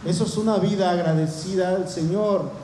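Preacher with a high, mellow voice. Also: male voice, steady tone, a little fast, slight background noise. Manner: earnest, asks the congregation questions. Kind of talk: sermon. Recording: echoey room.

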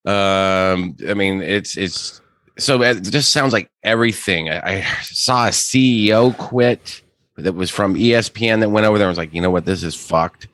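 A man's voice: low-pitched, moderate pace, a bit bright, no room sound. A man co-hosting a golf podcast, running through news items in a loose conversational way with asides. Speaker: podcast co-host. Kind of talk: casual golf news chat.

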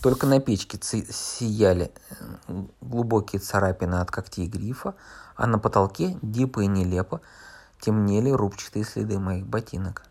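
A man reads an audiobook aloud, narrating in the first person. His voice sits on the low side, and he tells the story in an even, steady way. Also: normal speed. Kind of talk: audiobook reading.

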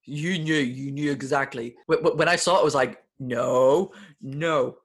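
An excitable man co-hosting a casual podcast, stammering through restarts and cursing as he reviews an episode. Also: fairly high pitch, a little fast. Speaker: podcast co-host.

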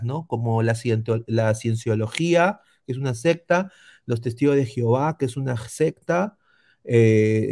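A man's voice: medium pitch, mellow. A man with a Peruvian Spanish accent, co-hosting a casual stream, reading chat and rambling with many restarts.

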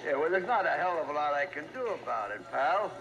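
An actor playing a gruff, wisecracking police detective who talks briskly and wryly, heard as film audio. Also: male voice, a little high, big pitch swings, a bit bright, dull audio. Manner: brisk, wry. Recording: film audio with noise behind.

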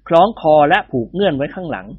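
A storybook narrator reads with lively, swooping expression. The voice is husky, and the recording sounds dry and a little dull. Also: mid-range voice, quick pace, dry recording. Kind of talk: storybook reading.

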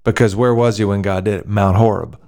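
A man with a fairly low voice talks through a Bible passage in an easygoing conversation. He is a pastor, thoughtful, and he speeds up and slows down as he works through his points. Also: steady tone, vocal fry, dark tone. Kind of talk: casual conversation on scripture.

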